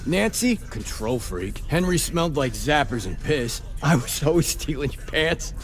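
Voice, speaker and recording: A man playing a jaded, foul-mouthed aging rock musician in a video game, gruff and theatrical. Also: on the high side, very animated, normal speed. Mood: wistful, scornful.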